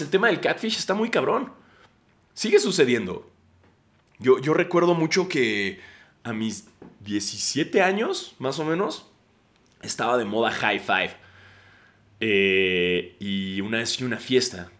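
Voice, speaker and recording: A Mexican man in his thirties hosting a podcast, telling stories in an animated, slangy way and swearing freely. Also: mid-range voice. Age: 30s. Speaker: podcast host. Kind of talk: casual storytelling monologue.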